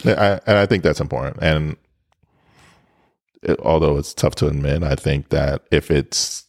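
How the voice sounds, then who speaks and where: A man's voice: very deep voice, normal speed, no echo, studio quality. A man co-hosting a podcast, chatting casually and laid-back, sometimes hesitant and restarting his sentences. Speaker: podcast co-host. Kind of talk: casual chat.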